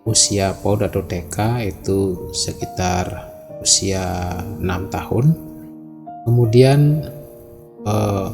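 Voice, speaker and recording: A teacher in his forties from Bali speaking slowly with pauses, giving a reflective presentation. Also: low voice, vocal fry. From Bali, Indonesia. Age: 40s. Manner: slow, measured, with pauses and fillers.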